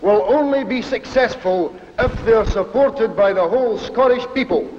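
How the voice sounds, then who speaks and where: A man's voice: sits high, normal speed, a little mellow, lo-fi sound. A man giving a rally speech as a trade union speaker. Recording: echoey hall, very noisy archive recording.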